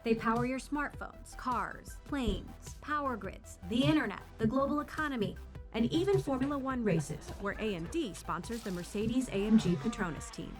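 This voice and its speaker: A woman's voice: fairly high pitch, expressive, normal speed, soft background music. Woman reporter's punchy narration. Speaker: news reporter. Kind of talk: scripted documentary narration.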